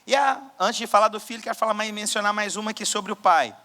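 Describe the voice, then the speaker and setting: A man preaching a sermon as pastor, swinging between loud exhortation and quiet asides. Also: sits high, fairly even intonation, quick pace. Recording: church hall with long reverb.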